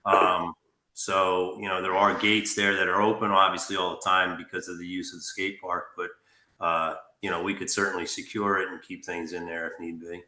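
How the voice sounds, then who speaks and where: A man's voice: deep voice, little pitch movement, normal speed, sharp tone, a little hiss or hum. Man on a call in an echo chamber. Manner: plainspoken, meandering. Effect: echoey sound, as if in an echo chamber. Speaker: town highway department official at a meeting. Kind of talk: casual meeting discussion. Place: emptied office. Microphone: video call. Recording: echoey empty room over a call.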